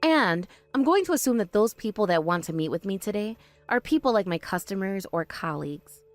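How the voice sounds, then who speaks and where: A woman voicing a calm, sharp-tongued young woman in an animated story, speaking firmly and with dry exasperation. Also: medium pitch, brisk, dry recording, faint music behind, close to an everyday voice.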